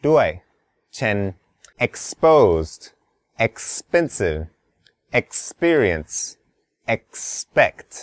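A man's voice: mid-range voice, sing-song, very slow, pauses often, dry recording, clean studio sound. A man teaching English, explaining words and pronunciation carefully and politely.

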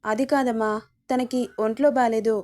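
A woman's voice: on the high side, steady tone, moderate pace, mellow, lightly acted. A woman voicing a caring, playful young husband in a storybook reading.

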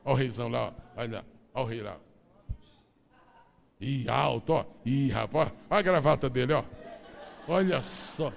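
A man's voice: medium pitch, unhurried, vocal fry, pauses often. A male pastor preaching a sermon, animatedly acting out the story for his congregation. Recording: long reverb of a large church.

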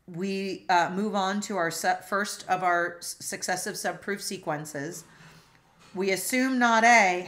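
Slow, low-voiced woman teaching logic. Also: a bit bright. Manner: slow, questioning, with many fillers and restarts. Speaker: philosophy instructor. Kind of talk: online class lecture.

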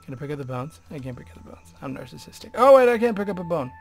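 A man's voice: on the high side, very animated, very fast, faint music behind. A man giving let's play commentary on a horror game, jumpy and nervous, swearing and often dropping to whispers near his microphone. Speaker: gamer playing a horror game. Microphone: desk microphone.

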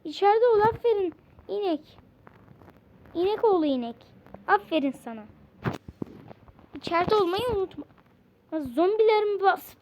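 A young woman chatting casually while playing a game with a friend. She repeats words in quick bursts and yelps when startled. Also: very high-pitched, animated, muffled recording, slight background noise. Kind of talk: casual game-play chat.

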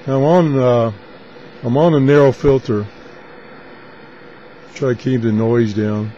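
A man with a relaxed, mellow voice gives off-the-cuff commentary in short, unhurried phrases, as a hobbyist would at his radio desk. The camera audio is slightly dull, with clear shortwave static behind him. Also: mid-range voice. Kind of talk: casual off-the-cuff demonstration commentary. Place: small indoor radio desk.

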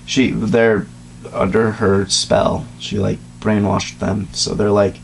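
Slow, creaky and fairly low, his voice stays flat as this young man reads a story dramatically but informally, fumbling words and breaking off for asides. The setting is a couch in a small, dim room, captured in a noisy home recording with hum.

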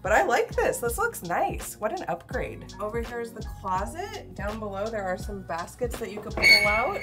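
A woman in her thirties giving a casual, gushing tour of a small cruise ship cabin, with lots of excited exclamations. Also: on the high side, normal speed, loud music behind the voice. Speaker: travel vlogger.

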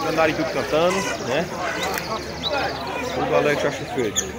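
A man's voice: a little high, moderate pace. A man touring an outdoor animal market with a phone, chatting with sellers and talking to his viewers. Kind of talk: casual walk-and-talk vlog. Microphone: handheld phone camera. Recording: loud crowd at outdoor market.

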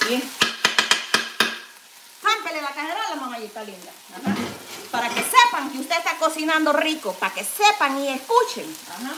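A woman's voice: high voice, very animated, normal speed, pauses often. A woman with a Guatemalan Spanish accent chatting homily to viewers as she cooks in her home kitchen, constantly saying "look" and calling them sweetheart. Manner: homey and chatty, constantly says "mire" and calls viewers "mamayita". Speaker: cooking vlogger. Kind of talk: chatty home cooking vlog. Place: home kitchen while cooking. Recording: echoey kitchen with noise. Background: frying and sizzling pan.

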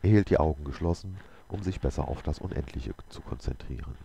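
A man's voice: very deep voice, expressive, a little fast, creaky, mellow, a little hiss or hum. A man reading a novel aloud as a game video host, telling the story steadily with occasional slips. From Germany.

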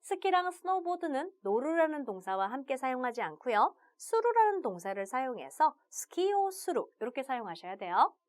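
A woman teaching a video language lesson, upbeat and chatty, opening her phrases with a bright "자". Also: high-pitched, big pitch swings, moderate pace, few pauses.

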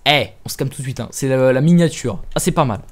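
A young man from France giving casual, self-mocking let's-play commentary over a headset mic, thinking out loud and swearing as he plays. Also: medium pitch, fast talker. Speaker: gaming youtuber.

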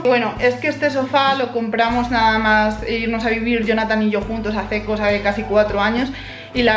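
A young woman in her twenties giving a chatty, casual tour of her apartment, filmed on a handheld camera. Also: on the high side. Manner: chatty, addresses viewers directly. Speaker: vlogger giving a house tour. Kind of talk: casual house tour narration. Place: small apartment living room, indoors.

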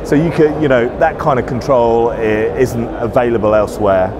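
On a large indoor trade show floor, a managing director gives a conversational interview through a lapel mic. His mid-range voice is steady and moderately paced, while loud exhibition-hall ambience fills the busy, noisy background.

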